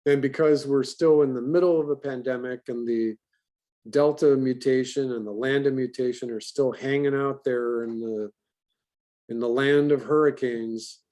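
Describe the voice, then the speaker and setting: A man teaching an online animation class in an animated, talkative way. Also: medium pitch, a little slow.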